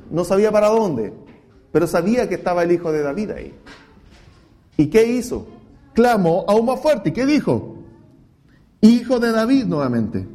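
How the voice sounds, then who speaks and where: A man preaching a sermon as pastor, swinging between loud cries and hushed asides and acting out quoted voices. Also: high voice.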